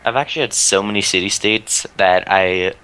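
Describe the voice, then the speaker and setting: A man's voice: sits low, normal speed, sharp tone, clean tone. A young man chatting casually during an online multiplayer strategy game, joking, teasing and swearing while talking through a headset. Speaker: multiplayer gamer. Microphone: headset with earphones.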